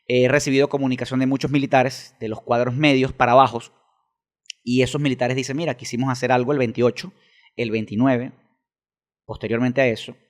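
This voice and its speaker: A Venezuelan man with a mid-range voice speaks briskly and flatly in a Venezuelan Spanish accent. He's a political activist appearing as a guest in a casual interview, arguing emphatically and firing off rhetorical questions.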